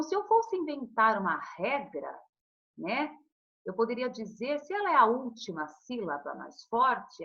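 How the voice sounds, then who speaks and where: A Brazilian woman teaching a recorded primary school lesson, patient and affectionate, stretching out words slowly for the children. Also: on the high side, a bit bright, dull audio. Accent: Brazilian Portuguese. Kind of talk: recorded online class.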